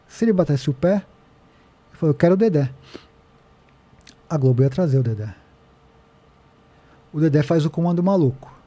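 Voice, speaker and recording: A man with a Brazilian accent, a podcast guest who tells a story in an animated way and quotes people as he goes. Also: fairly high pitch, brisk, pauses often. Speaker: podcast guest, documentary director. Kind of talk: casual podcast conversation. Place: podcast studio.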